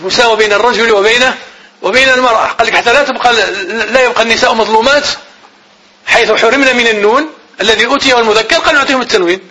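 Male grammar teacher; high voice, fast talk, asks students questions and answers them himself. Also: sharp tone, poor audio. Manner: repeats definitions slowly as if dictating. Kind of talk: classroom grammar lecture.

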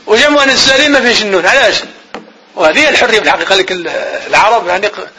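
Male grammar teacher; high voice, fast talk, asks students questions and answers them himself. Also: expressive, pushed and bright, a little hiss or hum, poor audio. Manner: repeats definitions slowly as if dictating. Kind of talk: classroom grammar lecture.

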